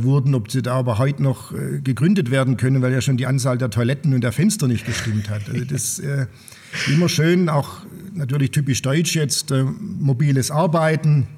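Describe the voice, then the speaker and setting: A man's voice: medium pitch, darkish tone, long reverb tail. A man being interviewed as a company owner, speaking thoughtfully with many fillers and restarts. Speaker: managing partner of an engineering firm, guest. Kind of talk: podcast interview.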